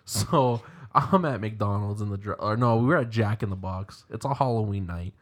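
A young man co-hosting a casual podcast, joking loudly and laughing between silly voices. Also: on the low side, moderate pace. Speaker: podcast co-host. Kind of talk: casual chat.

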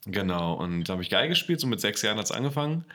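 Young musician guest, lowish voice, easygoing and chuckling. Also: male voice, fast talker. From Germany. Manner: relaxed, laughs often, many fillers. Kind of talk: casual conversation.

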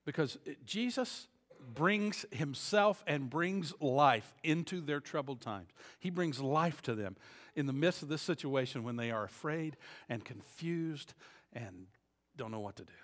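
A man preaching a sermon, moving between quiet reflective passages and loud, emphatic peaks, often repeating words as he stresses a point. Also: mid-range voice, expressive, measured pace. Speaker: pastor.

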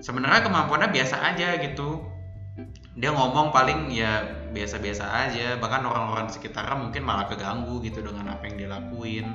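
A man chatting casually and informally as a solo podcast host, with a speech impediment that turns his r sounds soft, like w. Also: mid-range voice, brisk. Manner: informal and chatty, breaks into chuckles. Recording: dull, roomy recording with music behind. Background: plucked guitar music.

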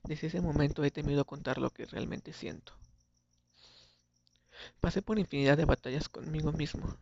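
Somber young man, gravelly. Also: a little high, darkish tone, no echo. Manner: somber, earnest confessional tone. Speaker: narrator. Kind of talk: first-person dramatic storytelling. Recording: dull lo-fi recording.

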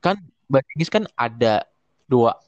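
A man's voice: medium pitch, big pitch swings, normal speed, dry recording, lo-fi sound. Young man chatting, hesitant and searching. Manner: hesitant, searching for words with many fillers. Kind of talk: casual chat.

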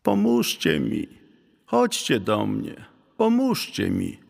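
A man's voice: mid-range voice, wildly swooping pitch, takes it slowly, creaky, breathy edge, in a large hall, pitched above the performer's own voice, exaggerated voice. A man voicing a young female ghost who speaks through a stone, pleading in a melodic way.

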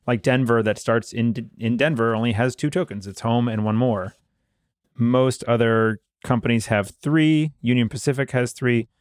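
A man hosting a casual board game discussion, explaining details at an easy pace and pausing with fillers as he recalls them. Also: medium pitch, dry recording, studio quality.

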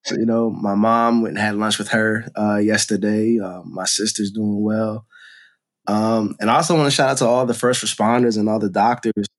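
This is a man co-hosting a casual podcast, his voice somewhat low and still groggy from the morning. He talks in a relaxed, laid-back way and chuckles now and then. He speaks into a computer's built-in microphone. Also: moderate pace. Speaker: podcast co-host. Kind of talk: casual chat.

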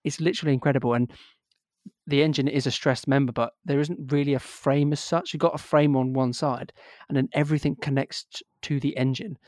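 Male co-host, enthusiastic and rambling, dry close sound, mid pitch. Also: fairly even intonation, fairly quick, darkish tone, no echo. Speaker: podcast co-host. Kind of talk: casual chat.

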